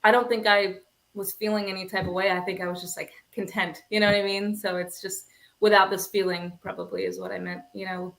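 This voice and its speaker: A woman songwriter chatting softly on a video call, giggling and trailing off between thoughts. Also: mid-range voice, flat delivery, fairly quick, rough recording. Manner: soft-spoken, giggly, trailing off. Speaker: songwriter guest. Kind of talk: casual chat on a video call.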